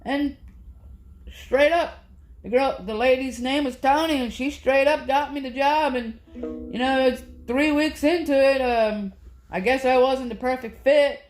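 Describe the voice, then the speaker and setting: In an echoey room, a man with an extremely high-pitched voice vlogs at an unhurried pace. His monologue is casual and rambling, and he swears constantly while ranting about his grievances in a profane, aggrieved way.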